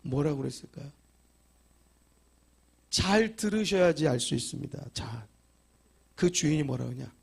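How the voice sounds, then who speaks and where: A man's voice: on the high side, animated, moderate pace, creaky, pauses often, slightly rough. A man preaching a sermon as pastor, telling a story with emphatic exhortations. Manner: storytelling with acted quotes.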